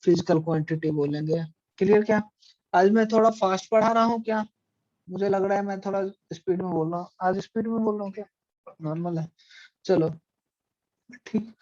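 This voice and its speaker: A man's voice: high voice, steady tone, moderate pace, long pauses, a little mellow, dry recording. A man teaching an online physics class, asking the students questions and answering them himself. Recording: dry, dull lo-fi audio.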